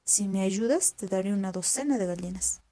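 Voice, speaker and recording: A crafty old peasant farmer from a storybook, as a woman reader puts him on, calm and plain-spoken. The voice stays close to her own, warm and mellow. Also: mid-range voice, a little fast, close to an everyday voice.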